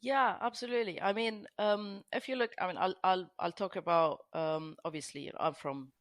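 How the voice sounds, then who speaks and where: A woman speaks as a podcast guest, piling up explanations and circling back with "you know" as she goes. Her voice sits at an ordinary pitch for a woman. The recording is close and dry. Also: moderate pace, no echo. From Lebanon. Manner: explains at length with many restarts and "you know". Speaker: guest archaeologist. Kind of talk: podcast conversation.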